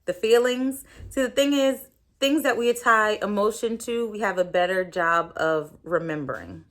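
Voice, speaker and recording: A woman's voice: medium pitch, moderate pace, a bit bright. A woman in her thirties, a podcast host, telling a personal story in a candid, reflective way, with many fillers.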